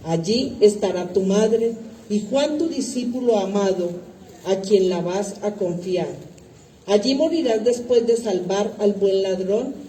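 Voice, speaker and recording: A woman giving a solemn, measured devotional reading as a liturgical reader. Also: mid-range voice, dark tone. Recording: echoey hall, distant mic, faint noise.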